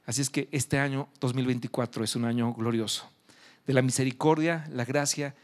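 Encouraging pastor preaching. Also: male voice, mid-range voice, fairly even intonation, moderate pace. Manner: warm, encouraging, speaks directly to the listener. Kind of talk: sermon.

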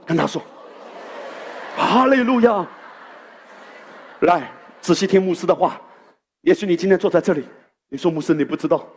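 A male pastor preaching a sermon to his congregation, animated and exhorting. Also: high-pitched, husky. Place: church hall. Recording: echoey hall.

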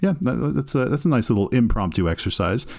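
A man's voice: mid-range voice, sing-song, fast talker, darkish tone. A man co-hosting a casual sports podcast, opinionated and teasing, with many filler sounds. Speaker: podcast co-host.

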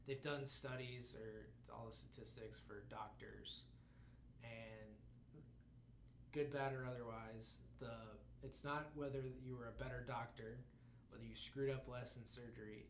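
A man's voice: mid-range voice, fairly even intonation, measured pace, slight background noise. A man chatting casually on a podcast, rambling with many asides and laughs. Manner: rambling, lots of fillers and laughs. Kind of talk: casual chat. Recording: roomy echo, faint ambience.

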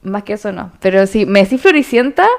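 A woman's voice: mid-range voice, animated. A young woman with a Chilean Spanish accent, co-hosting a casual chat, joking and using slang. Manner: joking, slangy, quick retorts.

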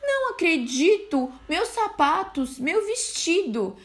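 A woman's voice: medium pitch, normal speed, voice pushed down, natural voice. A woman voicing a vain, cheerful male wolf in disguise in a storybook reading, humming and sing-song. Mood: dismayed.

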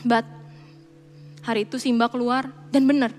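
A young woman, preaching in a chatty, animated way and slipping in English phrases. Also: on the high side, moderate pace. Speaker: church speaker. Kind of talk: casual sermon. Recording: reverberant church hall with faint music.

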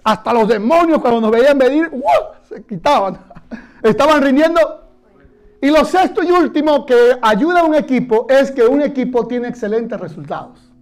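A man's voice: extremely high pitch, expressive, brisk, darkish tone. A male pastor preaching a sermon, leading the congregation to repeat lines aloud in call-and-response.

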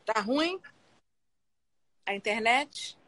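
A woman's voice: a little high, lively intonation, a bit bright. Woman on a glitchy, breaking-up video call. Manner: short, hurried checks on the connection. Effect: glitchy, breaking-up internet video call audio. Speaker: host of a live stream. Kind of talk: live-stream interview.

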